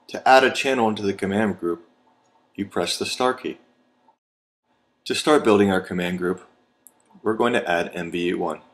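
Acting as an instructor, an American man with a low voice narrates a scripted training video, moving methodically step by step.

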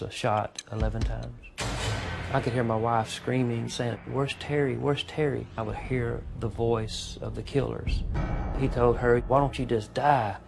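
A man gives halting personal testimony about a traumatic night. His voice is gravelly and stays flat and even. Music plays behind him. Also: medium pitch. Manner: halting, quiet, haunted retelling. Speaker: guest recounting a family tragedy.

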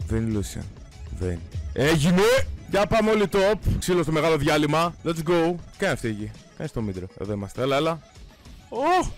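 A young man giving casual, excitable gameplay commentary, swearing and breaking into sudden shouts, his voice strained from shouting. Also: mid-range voice. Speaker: gamer streamer.

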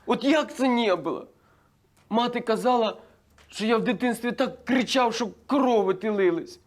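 An actor playing a naive, dim-witted village pop star who sounds bewildered, stammers and mixes Russian words into Ukrainian, in a comedy sketch. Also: male voice, very high voice, moderate pace.

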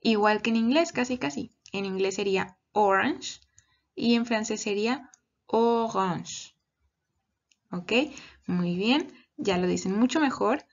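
A woman teaching young children a lesson in two languages, recorded at her computer, giving slow, patient, step-by-step instructions. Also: mid-range voice, expressive, muffled recording. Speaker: kindergarten teacher. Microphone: computer microphone.

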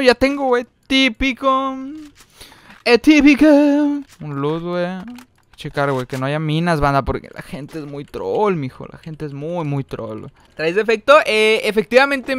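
This young gaming streamer, who has a Mexican Spanish accent, gives casual, slang-heavy gameplay commentary and breaks into loud, excited yelling. His voice is fairly high-pitched and clean, with no echo.

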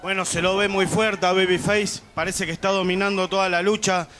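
Man as wrestling analyst. Notably high voice, conversational colour commentary alongside the main caller. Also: little pitch movement, brisk, a bit bright, slight background noise.

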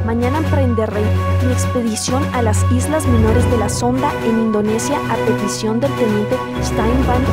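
Woman playing earnest high-voiced male explorer-scientist. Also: close to an everyday voice. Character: male Dutch explorer-scientist, earnest and excitable, old-time expedition.

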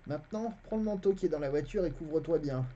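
A reader voicing a calm, protective older farmhand who talks in a level, slightly ominous way. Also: mid-range voice, fast, slight background noise, pitched above the performer's own voice, close to an everyday voice. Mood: calm, wary. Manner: calm, approving, a bit ominous. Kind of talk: fantasy novel read aloud. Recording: dull, lo-fi stream audio.

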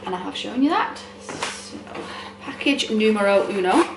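A woman's voice: mid-range voice, animated, moderate pace, background noise. Young woman, student nurse, tired, rambling chatty vlog delivery, filmed at home on a camera set down nearby; roomy echo. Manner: rambling, chatty, self-deprecating, lots of fillers. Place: home, indoors.

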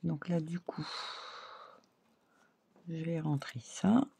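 A woman's voice: low voice, slow, vocal fry, mellow, breathy edge. A middle-aged woman hosting a casual craft tutorial, chatting with viewers as she works. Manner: chatty, laughs often, addresses viewers directly.

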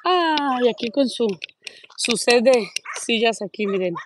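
A woman chatting casually into her phone while she walks outdoors, and she coos in a high voice at the dogs she passes. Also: lively intonation, slow, noisy background. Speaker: vlogger. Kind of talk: casual walking vlog. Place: outdoors on a neighborhood street. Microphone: phone held while walking.

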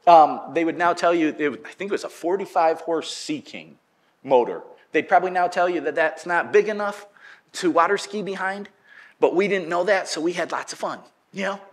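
Folksy small-church pastor, middle-aged man. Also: sits high. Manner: folksy storytelling, grows loud and animated at the story's peak. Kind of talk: sermon. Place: church sanctuary.

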